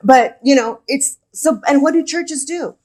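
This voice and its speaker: A woman's voice: high voice, unhurried, darkish tone, a little hiss or hum. Emphatic woman on a business podcast. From El Paso, Texas. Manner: enthusiastic, emphatic, repeats key words. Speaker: podcast guest, regional director. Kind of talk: conversational podcast interview.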